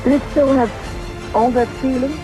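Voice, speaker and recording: A woman's voice: high voice, steady tone, moderate pace, over music, low-quality recording. A woman informally interviewing schoolchildren, encouraging them with frequent short interjections.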